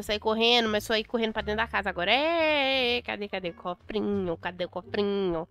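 A young adult Brazilian woman commentating a Roblox game, chatty and excitable, repeating words in bursts. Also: mid-range voice, clean tone. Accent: Brazilian Portuguese. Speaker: Roblox gameplay host. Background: faint music.

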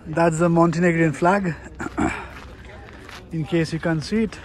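A middle-aged Indian man narrates his solo travel vlog from a hilltop fortress, filming on a handheld camera. His voice is on the high side and steady, and he speaks slowly but chattily and enthusiastically, adding self-deprecating asides.

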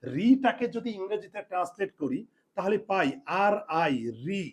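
A man with a notably high voice teaches a spelling lesson. He says each rule over and over, poses a question, then gives the answer himself, like a drill in a classroom. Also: animated, moderate pace, slightly rough. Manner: repeats and drills points, asks and answers own questions. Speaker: Bengali language teacher.

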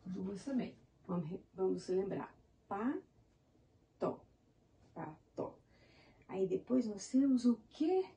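A slow, lively Brazilian woman who teaches primary school gives young children a syllable-by-syllable lesson with a Brazilian Portuguese accent, encouraging them as she spells words out. Her voice is medium-pitched and creaky. The mic is distant and the recording muffled.

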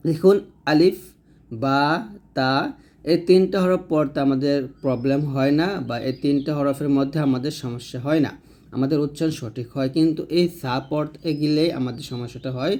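A man with a slightly high voice leads a step-by-step pronunciation lesson. He says each letter sound slowly and repeats it, patient and careful, as if waiting for the class to echo him. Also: dark tone. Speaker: Quran reading teacher.

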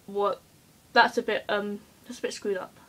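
A woman's voice: mid-range voice, steady tone, normal speed, fairly bright tone, low-quality recording. A woman chatting casually in a vlog, hyper and giggly, rambling with lots of ums. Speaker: vlogger.

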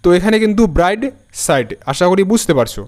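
A man teaching English spelling in a lesson video, slowly spelling out each word letter by letter and repeating it patiently. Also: high voice, big pitch swings, darkish tone. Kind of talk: Bengali-language spelling lesson.

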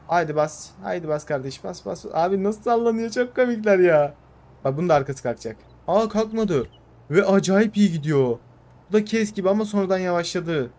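A young man giving casual, excitable commentary over a farming game, urging the vehicle on with quick repeated words. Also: on the high side. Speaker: gaming YouTuber. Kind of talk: casual let's-play commentary.

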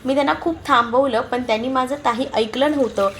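A woman voicing a young husband who resents his father, in a subdued, low reading. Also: steady tone, brisk, fairly bright tone, slight background noise. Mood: bitter.

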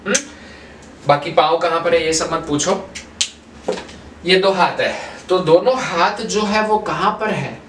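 A man teaching a chemistry lesson at a whiteboard, keeping the class involved with questions and slipping English terms into his explanations. His voice sits a little high for a man. He is recorded from some distance in an echoey room with a faint hiss underneath. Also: unhurried, pauses often, fairly bright tone. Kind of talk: whiteboard lecture. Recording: echoey room, far from mic, faint noise.

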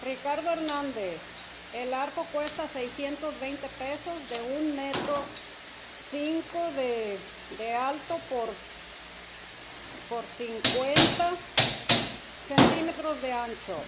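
Text-to-speech woman reading chat, slow, under loud shop noise. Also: high-pitched. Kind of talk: reading viewer comments aloud.

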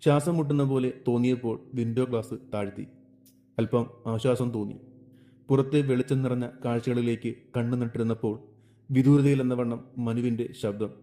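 Male storyteller, dark mellow tone, slow emotional storybook narration. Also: mid-range voice, fairly even intonation.

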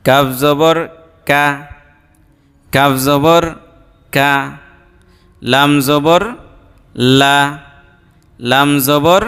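Slow, crisp male recitation teacher. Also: a little high, fairly even intonation, fairly bright tone. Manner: spells each letter and vowel slowly, then joins syllables. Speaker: Quran reading teacher. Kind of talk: slow drilled recitation lesson. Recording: long hall reverb.

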